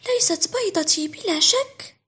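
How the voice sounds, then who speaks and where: Storybook mother duck played by a woman: tender-hearted, worried, high-pitched, exclaiming with big swings. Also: expressive, normal speed, fairly bright tone. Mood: startled. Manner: dramatic, exclaiming.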